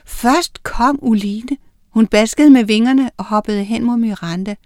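A woman narrating a children's audiobook, reading with lively character voices. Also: fairly high pitch, no room sound, clean studio sound.

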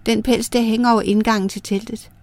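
A kindly magical reindeer offers idea after idea in a patient, even voice, as a woman telling a folk tale puts him on. The sound is dry and close to the mic. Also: a little high, no echo, lightly acted. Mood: suggesting. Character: helpful magical male reindeer.

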